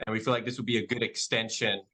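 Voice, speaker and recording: Speaking English with no accent though it isn't his first language, a padel club owner from the Netherlands answers podcast questions in a soft-spoken, measured way with plenty of ums. His voice is lowish and his delivery flat, and the audio quality is poor.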